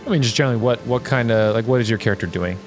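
A man's voice: mid-range voice, rapid-fire. Man narrating a tabletop fantasy game. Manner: conversational, descriptive, improvised. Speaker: game master. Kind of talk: narrating and running a tabletop role-playing game. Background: music and rain sounds.

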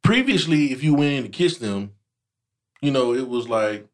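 A man's voice: medium pitch, moderate pace. A man in casual group chat, telling stories animatedly and repeating phrases as he talks. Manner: animated storytelling, repeats himself.

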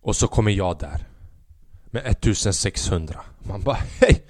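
A young man with a fairly low voice hosts his own podcast and rambles through a story in a self-mocking way. He slips into a higher voice when he quotes people. The sound is dry and close to the mic. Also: expressive, no room sound. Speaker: podcast host. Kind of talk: casual storytelling monologue.

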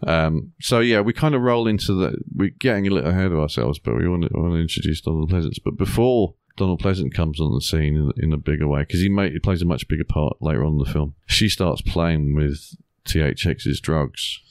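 A man's voice: extremely low pitch, a little fast, hardly any pauses, darkish tone, clear, resonant tone, no room sound. A man co-hosting a film podcast, chatting frankly and laughing often. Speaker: podcast co-host. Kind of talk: casual film discussion.

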